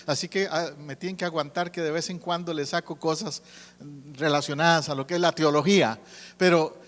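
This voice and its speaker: A man's voice: high-pitched, a bit bright. A man preaching a sermon as a pastor. He teaches and keeps asking the congregation questions. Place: church sanctuary. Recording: church hall with long reverb.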